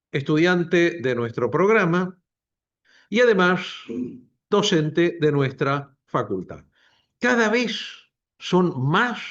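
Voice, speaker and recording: A man speaks slowly and deliberately to a university room, stressing his points by saying them twice. His somewhat high voice rises and falls with wide, lively swings. The sound is dull and lo-fi. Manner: emphatic, repeating key phrases. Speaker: doctoral program director. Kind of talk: introductory speech at a book presentation. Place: university lecture room, also streamed to video call.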